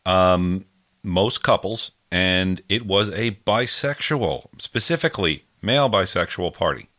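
A man with a very low, deep voice talks casually as a podcast co-host. He rambles, searches for words and trails off often, filling gaps with ums and uhs. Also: animated, unhurried, fairly bright tone. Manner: rambling, trails off with many fillers. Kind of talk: casual chat.

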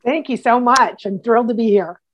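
A woman's voice: on the high side, a little fast. A woman from Ohio, a children's author, talks about her work in a chatty, enthusiastic way, with many fillers. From Columbus, Ohio. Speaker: guest author. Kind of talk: casual interview chat.

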